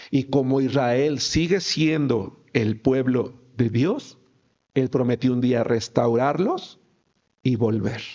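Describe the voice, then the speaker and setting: A man's voice: mid-range voice, mellow, husky. A male pastor preaching a sermon, emphatic and firing rhetorical questions at his congregation. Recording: dull lo-fi recording.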